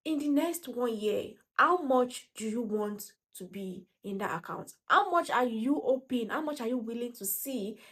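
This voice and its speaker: A woman's voice: on the high side, lively intonation, a little slow, few pauses, fairly bright tone. A woman gives casual, motivational finance talk to camera. She speaks emphatically and repeats her points. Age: 20s. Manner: emphatic, repeats points, acts out quoted voices. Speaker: personal finance vlogger.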